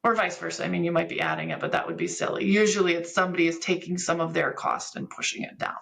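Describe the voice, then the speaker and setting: A woman appears as a podcast guest and business software expert, explaining technical matters conversationally, step by step, with examples. Her low-leaning voice is animated, fast, gravelly, and a bit bright.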